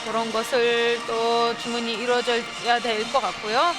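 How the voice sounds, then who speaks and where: A woman with a high voice provides live color commentary on a handball game. She sounds explanatory and tactical, breaking down plays as the analyst. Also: flat delivery, measured pace, low-quality recording.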